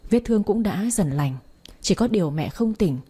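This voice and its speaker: Female storyteller, husky and dark-toned, reading with steady emotional pauses. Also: mid-range voice. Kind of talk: first-person story narration.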